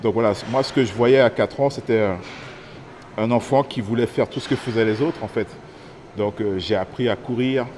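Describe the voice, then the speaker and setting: A man in his thirties from French Guiana is interviewed and gives a personal testimony, sounding thoughtful and pausing often as he searches for words. His mid-range voice is a little mellow, with slight background noise behind it.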